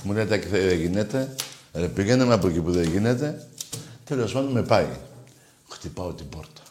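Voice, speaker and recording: Male radio host, low and lively voice, bantering with callers, roomy echo. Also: slight background noise. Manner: animated storytelling, teasing callers. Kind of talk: casual call-in radio chat.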